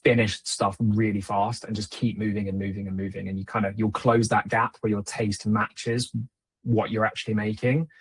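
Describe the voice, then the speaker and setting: A man's voice: fairly low pitch, little pitch movement, normal speed, husky. A young man, a music producer talking as a podcast guest in an easygoing, rambling way with many fillers. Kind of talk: casual chat.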